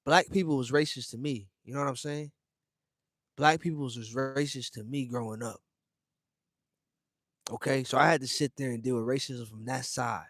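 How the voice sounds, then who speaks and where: A man's voice: medium pitch, fairly even intonation, moderate pace, pauses often, fairly bright tone, no room sound, studio quality. A young man from the United States speaking straight to his viewers in a casual livestream rant, slangy and emphatic, calling everyone fam and bro. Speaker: streamer talking to viewers.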